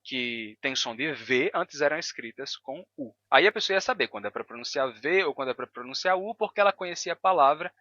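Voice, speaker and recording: A man with a Brazilian Portuguese accent explaining language in a video lesson. He talks in a didactic way and repeats sounds slowly to demonstrate them. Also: medium pitch, lively intonation, pushed and bright, no echo, lo-fi sound. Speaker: language educator.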